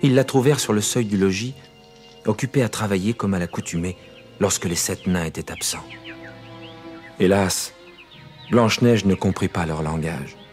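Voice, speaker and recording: A man narrating a fairy tale in a measured, expressive storytelling manner, with soft music behind. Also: deep voice.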